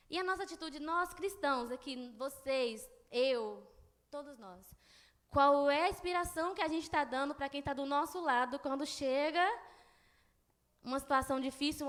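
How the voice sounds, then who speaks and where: A woman preaching a sermon to her congregation in a conversational way, asking them questions. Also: sits high. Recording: long hall reverb.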